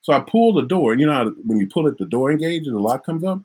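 A middle-aged man from Minnesota recounting a personal story in an animated way, repeating words and acting out the voices. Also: a little high, fast, breathy edge. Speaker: interviewee recounting a traffic stop.

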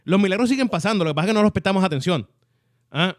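Puerto Rican man, quick and high-pitched, animated host, dry close sound. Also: dry recording. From Puerto Rico. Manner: animated, often asks "¿ah?" for agreement. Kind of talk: casual faith chat.

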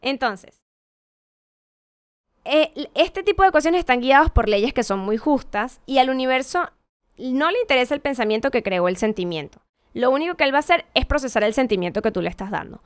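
A woman's voice: high voice, lively intonation, fairly quick, clean tone, dry recording, clean studio sound. A woman giving a conversational motivational talk, asking rhetorical questions and correcting herself as she goes. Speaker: motivational speaker.

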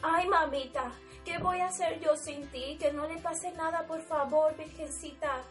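A woman's voice: high-pitched, fairly even intonation, a little slow, a bit bright, recorded from a distance, faint music behind, voice pushed up. A woman voicing a tearful Latin American woman who pleads and prays for her sick grandmother, with a Latin American Spanish accent. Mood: tearful pleading. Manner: sobbing, pleading.

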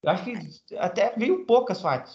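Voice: mid-range voice, lively intonation, moderate pace, a little mellow. A speaker with a mid-range voice gives opinions about a film and explains at length. The room echoes. The sound is dull and lo-fi. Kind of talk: casual film discussion.

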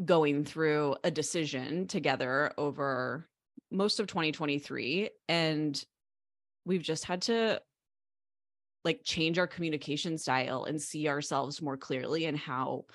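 A woman's voice: low voice, dry recording, clean studio sound. An earnest, reflective woman on the verge of tears, talking as a mastermind member in a group podcast chat. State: near tears.

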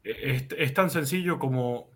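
A man's voice: mid-range voice, unhurried, fairly bright tone. Reflective man explaining over a video call. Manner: reflective, explains with worked examples. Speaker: co-host. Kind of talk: casual chat.

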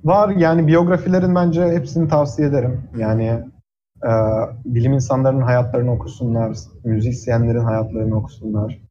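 A man's voice: medium pitch, a little fast, lo-fi sound, noisy background. A man in his twenties, a guest in an interview, speaking earnestly and thoughtfully with frequent fillers. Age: 20s. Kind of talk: casual interview chat.

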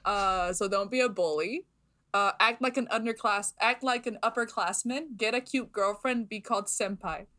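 A woman's voice: mid-range voice, normal speed, pushed and bright. A young woman hosting a podcast in casual chat, gushing and laughing often, with casual swearing. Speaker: podcast host.

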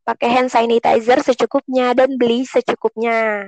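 Young female co-host, Jakarta accent, somewhat high voice, informal slang, dry echo-free recording. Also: level tone, normal speed, a little mellow. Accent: Jakarta Indonesian. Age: young adult. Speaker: podcast co-host. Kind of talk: casual podcast chat with slang.

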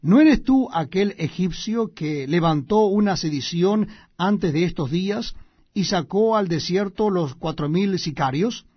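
Guy reading a stern roman officer asking questions, husky high voice, lo-fi. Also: lively intonation, a little slow, dry recording, exaggerated voice. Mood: questioning. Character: Roman tribune, a stern military commander questioning. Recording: dull lo-fi recording.

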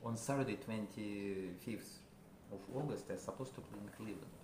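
A man with a Russian accent, a guest musician, talking casually in a halting way, searching for words with many fillers. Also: on the low side. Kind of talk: casual interview. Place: a friend's house. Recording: roomy with background noise.

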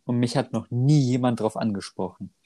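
A man's voice: mid-range voice, normal speed, warm tone, dry recording. A man with a light Rhineland German accent, chatting in a laid-back, joking way as a podcast co-host. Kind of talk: casual chat.

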